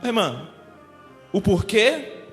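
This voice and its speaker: A man preaching as a church pastor, telling a story in an emphatic, animated way, with a Brazilian Portuguese accent. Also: sits high, very slow, in a large hall, faint music behind. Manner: emphatic and animated, builds to shouting. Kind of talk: sermon told as a personal story. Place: church hall.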